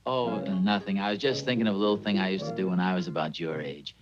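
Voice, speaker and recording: A man's voice: deep voice, fairly even intonation, fast, over music, natural voice. An actor playing a genial, meddling middle-aged father in a 1950s sitcom, chuckling and folksy as he offers to help. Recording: dull lo-fi 1950s TV soundtrack.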